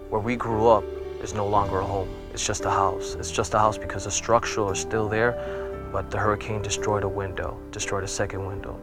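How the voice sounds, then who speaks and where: A man in his thirties from Puerto Rico, an airman telling his life story in an earnest, reflective way. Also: fairly low pitch. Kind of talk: personal interview testimony. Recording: music playing underneath.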